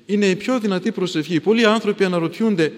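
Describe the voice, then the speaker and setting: A man preaching a sermon in a church, with insistent, repetitive oratory that builds through refrains. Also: high-pitched. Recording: long hall reverb.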